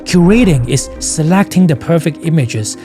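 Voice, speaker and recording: A man's voice: a little high, lively intonation, moderate pace, mellow, faint music behind. A man with a Cantonese accent giving scripted instructional narration as a photography educator.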